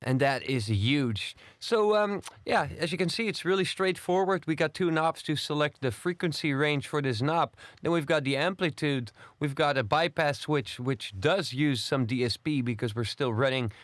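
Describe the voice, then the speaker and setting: A man presenting an audio plugin tutorial in a home studio, explaining each control step by step in a steady, methodical way. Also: fairly high pitch, moderate pace, hardly any pauses, no room sound. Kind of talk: software walkthrough tutorial.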